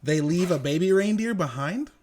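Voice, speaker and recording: Excitable, swearing man chatting. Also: sits high, normal speed, over a noisy crowd. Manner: excitable storyteller, swears freely. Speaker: podcast co-host. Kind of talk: casual chat.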